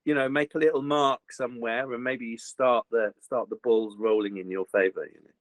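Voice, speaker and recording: A man's voice: mid-range voice, fairly quick, no room sound, rough recording. Guy voice actor chatting away, lots of you-knows, dry booth sound. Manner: animated, many fillers and restarts. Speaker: voice actor guest. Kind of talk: casual interview chat. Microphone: home recording booth.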